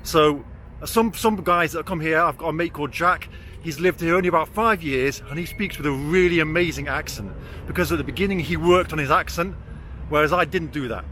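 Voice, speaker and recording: Walking and talking outdoors in the city, a man of forty vlogs in a slightly high voice that is fairly quick, pushed, and bright. He swears casually and is blunt and self-deprecating, with an R he can't say clearly or roll. Traffic and street sounds are in the background.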